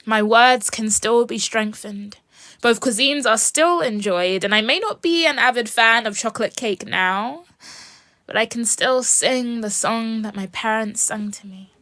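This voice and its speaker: Young woman, spoken-word poetry, slow gentle delivery, whispered phrases, slightly high voice. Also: dry recording. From England. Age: young adult. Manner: slow, soft, lyrical recitation with whispered phrases.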